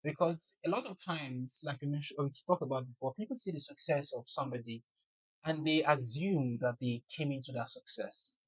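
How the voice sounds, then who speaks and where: A man hosting an interview, asking measured, reflective questions. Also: mid-range voice, husky, no room sound, low-quality recording. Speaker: podcast host.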